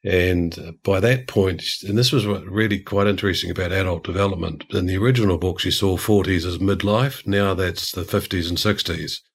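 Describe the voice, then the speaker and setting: Older guy from new zealand, really deep husky voice, rambles through explanations. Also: fairly even intonation, moderate pace, hardly any pauses. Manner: discursive, explanatory, many asides. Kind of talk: casual conversation.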